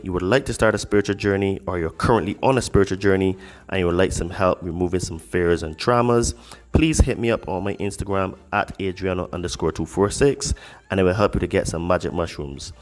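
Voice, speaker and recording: A man from Barbados with a Barbadian accent, a guest on a casual podcast, speaking confidently and emphatically with sudden bursts of loudness. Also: fairly low pitch. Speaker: podcast guest and online fitness coach.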